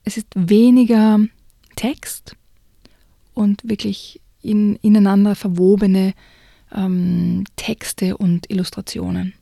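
A woman with a gravelly, husky and warm voice reads a children's storybook aloud and then talks about it. Her delivery is soft and at times whispery. The sound is dry and close, as in a radio studio. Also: medium pitch, little pitch movement, slow, dry recording. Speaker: book reviewer. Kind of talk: reading a children's book aloud and discussing it.

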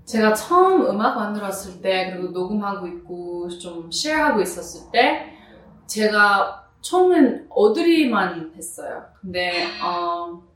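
A woman from New Jersey with a Korean American accent and native English, answering interview questions casually and haltingly, slipping between languages. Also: mid-range voice, sing-song. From New Jersey, United States. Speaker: musician being interviewed. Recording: roomy echo, distant microphone.

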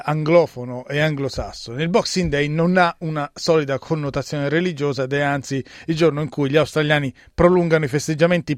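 A man presenting a radio programme as host, explaining in a measured, semi-scripted way. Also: fairly high pitch, no room sound, clean studio sound. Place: radio studio.

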